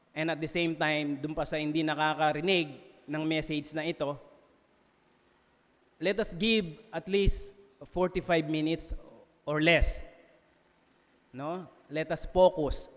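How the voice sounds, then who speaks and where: A Filipino man preaching a sermon in a church, lively and joking, laughing at himself and often checking in with his listeners. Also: fairly high pitch. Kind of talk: sermon mixing Tagalog and English. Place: church hall. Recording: long reverb of a church hall.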